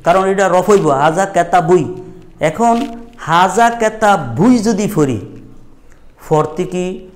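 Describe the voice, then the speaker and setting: A man's voice: high-pitched, lively intonation, slow, long pauses. A middle-aged man, teaching a grammar lesson at a madrasa and quizzing his students with repeated questions.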